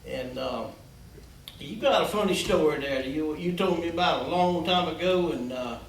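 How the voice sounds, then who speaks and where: A man's voice: a little high, moderate pace, creaky. A man hosting in a folksy, easygoing way, talking casually with plenty of hesitant fillers. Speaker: host. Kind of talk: casual talk and storytelling. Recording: echoey room, distant mic, faint hiss.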